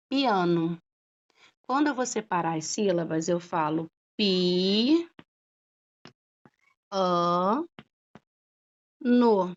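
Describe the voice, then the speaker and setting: A woman teacher talks through a lesson at a very slow, unhurried pace, drawing out each syllable and pausing to check that her students follow. Her voice sits at a middle pitch, and the recording is dull and lo-fi. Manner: patient, drawn-out syllables, frequent "tá?" checks. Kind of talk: slow classroom explanation.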